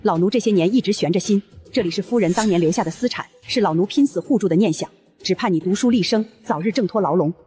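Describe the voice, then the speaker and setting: An actress playing a loyal old family servant who speaks softly and earnestly. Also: female voice, medium pitch, quick pace, husky, soft background music. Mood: tender. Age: older. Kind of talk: short period drama acting.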